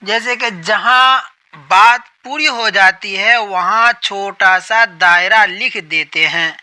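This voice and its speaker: A man's voice: sits high, sharp tone, smooth, low-quality recording. A man teaching a lesson on Quran reading, who repeats each point and asks questions that he then answers himself. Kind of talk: explanatory lesson.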